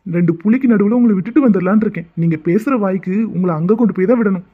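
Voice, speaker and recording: A man voicing a calm older brother and groom who teases dryly. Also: sits high, rapid-fire. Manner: calm, dry teasing. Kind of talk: Tamil cartoon voice acting. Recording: tinny phone-like lo-fi audio.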